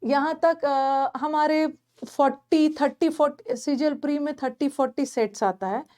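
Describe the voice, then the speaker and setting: In an online exam-prep lesson, a woman with an Indian English accent teaches English grammar, explaining step by step in a blend of Hindi and English and repeating her points to make sure the class keeps up. Her voice sits high and has a darkish tone, held steady at a moderate pace.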